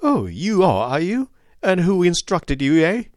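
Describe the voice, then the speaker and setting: A man voicing a querulous little old nobleman, miserly and indignant, with a sharp crackling voice and quick, intense, scolding manner. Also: high voice, huge pitch swings, no echo, studio quality, voice pushed up, heavily acted.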